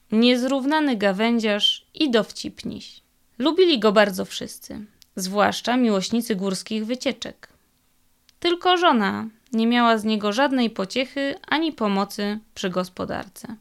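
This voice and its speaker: A woman narrating a mountain folk tale in a lively, folksy storytelling manner. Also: a little high, measured pace, vocal fry.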